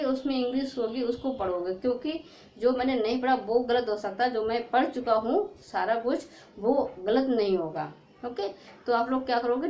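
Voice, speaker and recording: Female teacher, high pitch, patient drill-style explaining with lots of repetition, recorded in a reverberant room. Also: a little mellow, slight background noise. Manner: repetitive, slowly sounds out letters, keeps checking with "ठीक है". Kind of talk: explaining English spelling rules to students. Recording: echoey room.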